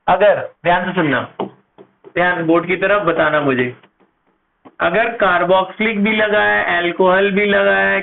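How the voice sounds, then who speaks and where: A man teaching chemistry at a board, asking his class questions and answering them himself, slowing down to spell out compound names. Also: high-pitched. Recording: tinny phone-like audio with faint noise.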